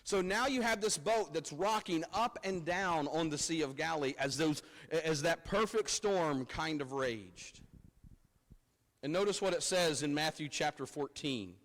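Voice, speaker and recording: A man's voice: fairly high pitch, expressive, unhurried, fairly bright tone. A man preaching a sermon at a pulpit microphone in a church, in a conversational way with frequent repeated words. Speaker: pastor. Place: church sanctuary. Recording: long reverb of a church hall.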